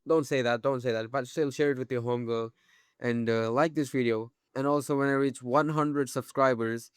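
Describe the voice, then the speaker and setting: A man's voice: mid-range voice, smooth, no room sound. A man narrating a comedic storytime vlog in a playful, mock-grandiose way, stammering into restarts when he gets worked up. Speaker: vlogger.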